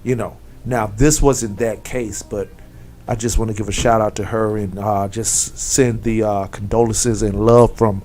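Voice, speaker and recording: A man's voice: lowish voice, steady tone, unhurried. A man hosting an internet radio talk show, speaking earnestly and from the heart. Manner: earnest, heartfelt shout-outs.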